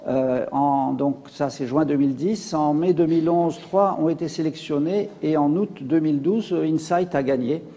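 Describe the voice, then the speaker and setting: A man's voice: on the high side, moderate pace, hardly any pauses, warm tone, big-room sound. A man giving a public science lecture with slides, hesitant, with many fillers and restarts.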